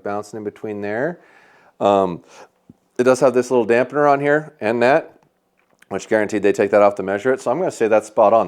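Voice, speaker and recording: A man with a slightly low voice talks through bow measurements at an indoor archery shop range. His delivery is casual and unscripted, and he thinks aloud as he reads the numbers. It sounds like a hands-on gear review. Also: smooth. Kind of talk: hands-on product testing talk.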